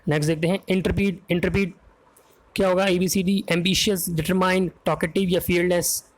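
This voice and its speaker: A man with an Indian accent teaching English vocabulary for an exam, talking fast in a quiz style and often checking that students follow. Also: high voice, level tone. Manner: fast, drills answers with repeated "है ना?" checks.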